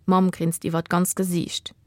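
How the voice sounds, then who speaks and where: A woman's voice: fairly low pitch, monotone, unhurried, warm tone, no echo. Woman reading a children's story, dry studio sound. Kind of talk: scripted story narration for children's radio.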